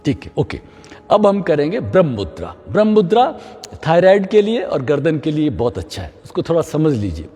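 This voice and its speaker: A middle-aged man guides a yoga class, his voice high and lively as it rises and falls. The tone is mellow and a little husky. It carries a long reverb from a hall. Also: brisk. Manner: mixes English phrases into Hindi, frequent "है ना?" check-ins. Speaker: yoga instructor.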